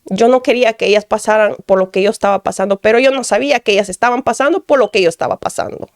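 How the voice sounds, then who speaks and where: A woman's voice: medium pitch, fast, dry recording, clean studio sound. A woman from Guatemala giving an earnest personal testimony, repeating phrases and often addressing the pastor. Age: adult.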